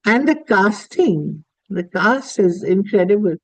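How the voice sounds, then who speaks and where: A woman's voice: medium pitch, big pitch swings, slow, no room sound, poor audio. A woman interviewing in a casual, appreciative conversational way, thinking aloud as she goes.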